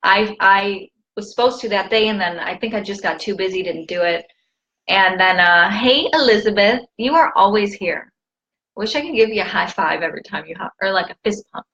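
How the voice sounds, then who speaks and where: A woman's voice: mid-range voice, moderate pace, fairly bright tone, lo-fi sound. A woman who works as a wellness coach tells a candid, rambling story on a live stream and breaks off to answer viewer comments. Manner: chatty, rambling, reads viewer comments aloud.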